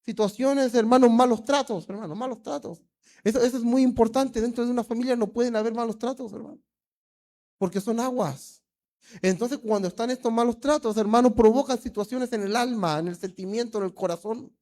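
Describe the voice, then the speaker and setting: Male pastor, Peruvian Spanish accent, high voice, fervent preaching style, constant "hermano" refrains. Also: brisk, darkish tone. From Peru. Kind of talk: sermon.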